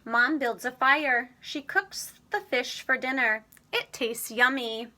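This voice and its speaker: A woman with a high voice reads a children's storybook aloud, telling the story in an expressive, deliberate way.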